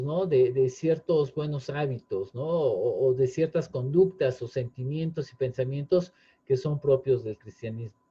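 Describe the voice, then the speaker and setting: A man's voice: medium pitch, mellow, slightly rough. A man, earnestly explaining in casual chat, often restarting with fillers. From Mexico. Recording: dull lo-fi sound.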